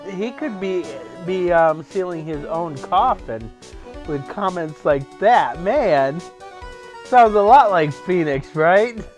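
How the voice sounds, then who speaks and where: Guy streaming a game, chatty amused asides, lively voice. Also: sits high, slow pace, soft background music. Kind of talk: let's play commentary.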